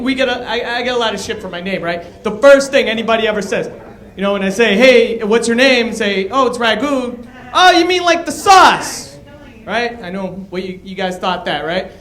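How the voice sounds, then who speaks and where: A man in his thirties working a comedy club crowd with loud, punchy stand-up delivery. His voice sits high for a man, and the sound rings through an echoey club room. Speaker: stand-up comic. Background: audience laughter.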